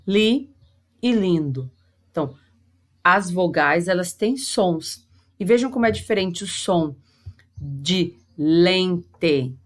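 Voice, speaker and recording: Woman teacher, Brazilian Portuguese accent, slow deliberate pace, lowish voice, recorded lesson. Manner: slow, careful, spells out sounds. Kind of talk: recorded lesson for sixth graders.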